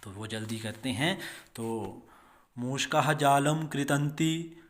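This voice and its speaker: A male school teacher giving a recorded lesson, reading each line of a text and then explaining it slowly and patiently, with many repetitions. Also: mid-range voice, fairly even intonation. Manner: slow, patient, repeats each line in translation.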